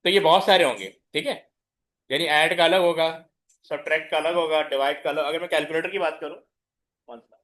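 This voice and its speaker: A man's voice: on the high side, fairly quick, a bit bright. A middle-aged male teacher giving a classroom lecture, explaining step by step, mixing in English terms and checking that his students follow. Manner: mixes English terms into Hindi speech. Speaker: computer science teacher.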